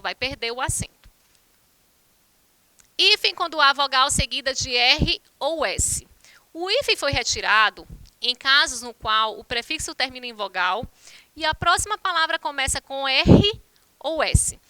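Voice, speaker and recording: A woman's voice: high voice, bright, forceful tone, smooth, dry recording. A woman teacher from Brazil giving an online grammar lesson, explaining rules step by step and addressing the class directly. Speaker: Portuguese teacher.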